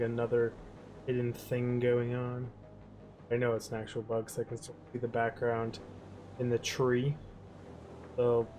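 A young man with a mellow, medium-pitched voice hosts a gaming channel, rambling loosely as the game credits roll. He's laid-back and yawning, and his let's-play commentary keeps trailing off.

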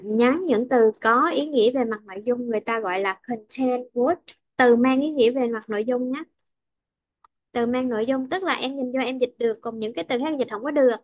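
A woman teaching English with a Vietnamese accent, her fairly high voice explaining stress rules patiently. The sound is dry and a little dull, like a laptop call. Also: no room sound. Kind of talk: online English lesson.

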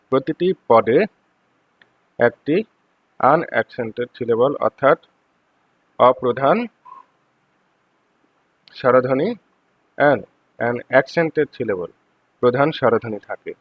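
Male teacher with a Bangladeshi accent, measured and slow delivery, dry and slightly dull recording. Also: medium pitch, dry recording. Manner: reads English phrases slowly, explains them faster. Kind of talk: lecture reading English text and explaining in Bengali.

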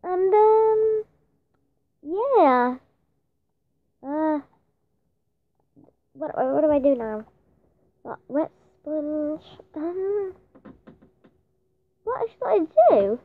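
A woman hosts casual gameplay commentary for her channel, hesitating and rambling as she wonders what to say next. Her high voice has lively intonation, drawn-out words and long pauses. The sound is dull, dry and lo-fi.

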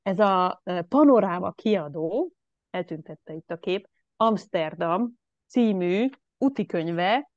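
A woman giving a casual online lecture, chatty and animated, with many fillers. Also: medium pitch, no room sound. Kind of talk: online presentation. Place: at home. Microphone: video call. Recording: dull lo-fi video call audio.

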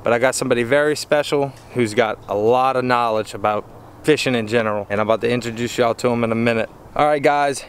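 A man's voice: mid-range voice, smooth. Laid-back young man filming a fishing vlog. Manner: laid-back Southern drawl, says y'all. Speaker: fishing channel host. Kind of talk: casual outdoor vlog talk. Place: outdoors by a wooded bayou. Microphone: camera mic, filming selfie at arm's length.

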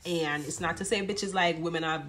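A woman chatting casually to camera at home, eating and gently scolding her toddler between bites. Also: fairly low pitch, fairly even intonation, brisk, a little hiss or hum. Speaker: vlogger and mother.

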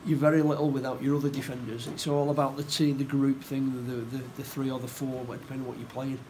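A middle-aged football manager giving a post-match interview, plain-spoken and halting, often repeating his words. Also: medium pitch, level tone, background noise. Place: indoor room by a stadium door.

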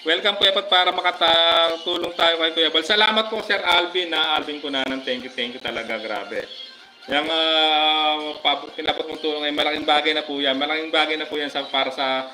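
A man with a Filipino accent, chatting casually on a live stream, giving viewers shoutouts with many fillers. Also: on the high side, moderate pace, rough recording. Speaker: livestream vlogger.

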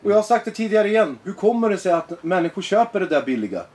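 A man being interviewed as a guest, talking in a blunt, animated, profane way. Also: high-pitched. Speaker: guest, former extremist. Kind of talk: personal interview conversation.

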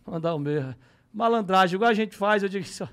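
Ceará comic guest, young man, high-pitched, lively, story full of voices. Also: normal speed. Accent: Northeastern Brazilian, Ceará. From Ceará, Brazil. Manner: animated, acts out voices in his anecdotes. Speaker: podcast guest, comedian. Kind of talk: casual storytelling. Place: podcast studio.

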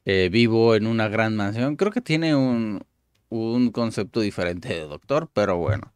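A man's voice: on the low side, lively intonation, a little slow, darkish tone, clean tone, no echo. Young male host, casual, lots of fillers, dry close mic. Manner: chatty, thinks aloud with many fillers. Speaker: channel host playing a language app. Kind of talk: casual commentary with translation.

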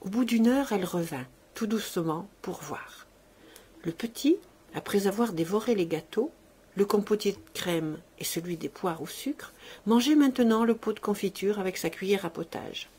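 A woman reads a classic tale aloud, voice husky and breathy, pitched in the middle range. She leans into the drama, letting scenes swell and hush. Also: normal speed. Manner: expressive, dramatic reading. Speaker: narrator. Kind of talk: storybook reading.

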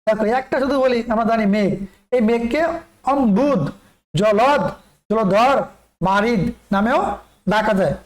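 A teacher from Bangladesh giving a recorded lesson to students. Slowly repeats lists of words and asks questions that he then answers himself. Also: mid-range voice, reverberant, rough recording.

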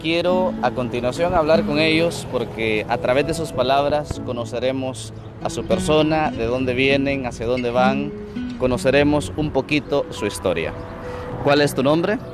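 A young man, a priest, calmly interviewing two people on a city street, recorded with a lapel mic. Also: mid-range voice, normal speed, loud music behind the voice. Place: outdoors on a city street under trees.

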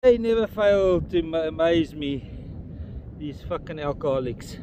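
A South African vlogger in his fifties walks a windy beach at an estuary mouth, ranting bluntly and swearing into a phone camera held at arm's length. His voice is fairly high and mellow with lively intonation and a measured pace, and wind and outdoor noise fill the recording.

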